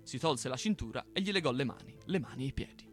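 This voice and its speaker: A man hosting a radio show, reading a folk tale aloud in an expressive storytelling manner. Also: mid-range voice, quick pace, soft background music. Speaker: radio host. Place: radio studio.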